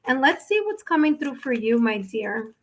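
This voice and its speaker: Pitched high with big swings, her voice moves at a normal speed as she presents a live tarot reading. Her manner with viewers is chatty and repetitive, and "okay?" keeps popping up at the ends of her sentences. Her first language is English; Spanish is her second.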